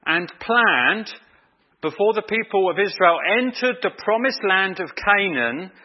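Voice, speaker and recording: Husky preacher, chatty sermon. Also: male voice, sits high, animated, unhurried, dull audio. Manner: chatty, quizzes the congregation. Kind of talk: evening sermon.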